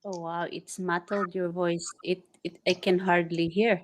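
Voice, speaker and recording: A woman's voice: on the low side, little pitch movement, a little slow, a little hiss or hum. A woman calling in as a new landlord over a video call, hesitant and searching for words. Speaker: new investor caller.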